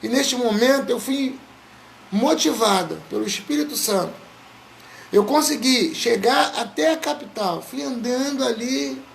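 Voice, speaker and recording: A humble, devout old woman speaking softly and quietly, as a preacher puts her on. The voice is very high, with a gravelly edge underneath. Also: measured pace, slight background noise, full character voice.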